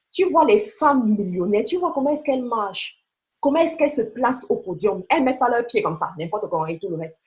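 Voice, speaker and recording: Animated woman giving earnest sales training. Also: a little high, low-quality recording. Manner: earnest, emphatic, repeats key phrases; weaves faith into business advice. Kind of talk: motivational sales training talk.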